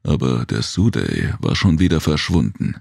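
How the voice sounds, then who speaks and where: A male narrator with a very deep, gravelly voice reads with expressive, wide-ranging intonation. The sound is dry and close, with no room around it. He delivers scripted audiobook narration. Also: moderate pace, dry recording.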